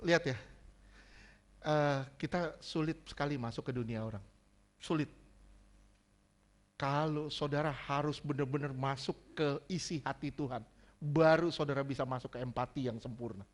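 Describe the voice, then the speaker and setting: A man preaching a sermon as pastor, joking and animated. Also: a little high, moderate pace, long pauses.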